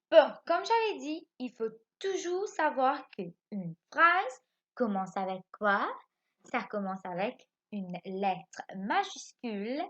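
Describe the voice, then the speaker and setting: Lively woman teaching a children's lesson. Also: a little high, highs cut off. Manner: lively, repeats points, asks questions and answers them herself. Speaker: primary school French teacher. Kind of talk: recorded home lesson for young children.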